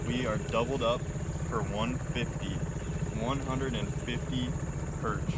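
Out on a river in a small boat, a fishing vlogger in his twenties narrates his trip with upbeat energy, keeping a running count of his catches. His voice is mid-range. He films on a handheld phone camera, and the outdoor audio is noisy.

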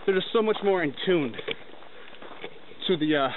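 A man's voice: sits high, expressive, normal speed. A young man talking casually to a handheld camera as he hikes through a forest, rambling as he walks. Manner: talks while walking, loose and rambling. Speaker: hiker filming a trip. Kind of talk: casual vlog narration while hiking. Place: outdoors in a forest. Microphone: handheld camera at arm's length. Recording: tinny lo-fi camera audio with faint noise.

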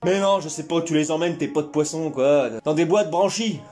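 A man doing a crude comic sketch monologue, with mock-serious asides and sudden shouts. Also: on the high side, moderate pace, soft background music. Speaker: comedian parodying a survival show.

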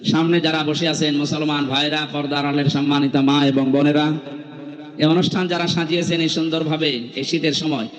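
A man's voice: fairly high pitch, flat delivery, fairly quick. A male preacher giving a sermon at a large open-air evening gathering, emphatic and chiding with touches of humor, through a stage microphone. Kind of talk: Islamic sermon at an outdoor gathering. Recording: muffled hall echo from PA.

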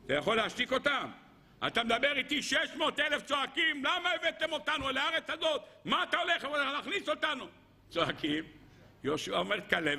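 A middle-aged man, a rabbi giving a lively Torah lesson who questions his listeners and swings between loud exclaiming and low asides. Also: creaky, breathy edge.

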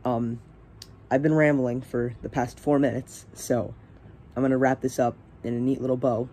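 Hesitant young man, mellow voice. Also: mid-range voice, little pitch movement, normal speed, slight background noise. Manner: hesitant, many fillers and restarts. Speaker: channel host. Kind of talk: casual rambling vlog.

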